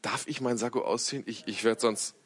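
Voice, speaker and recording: A man preaching a sermon to an audience, humorous and animated, telling stories with lively asides. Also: medium pitch, quick pace, breathy edge. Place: lit stage before an audience.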